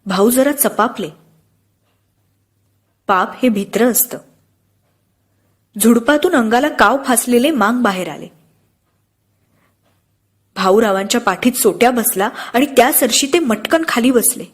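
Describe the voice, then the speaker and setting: A woman reads an audiobook aloud in a slightly high, husky voice. She tells the story steadily, with expression. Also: a little slow, pauses often. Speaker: audiobook narrator. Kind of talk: audiobook narration.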